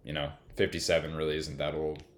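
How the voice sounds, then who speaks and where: A man's voice: extremely low pitch, flat delivery, fast talker. A man hosting a casual podcast, rambling through his thoughts with frequent restarts and fillers. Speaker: podcast host.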